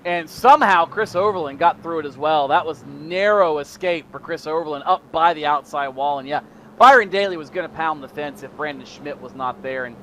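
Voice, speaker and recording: Male lap-by-lap caller for an online race broadcast, higher voice, gets loud and excited on the action, slight background hiss. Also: fairly quick. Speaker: race commentator. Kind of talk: sim racing play-by-play commentary.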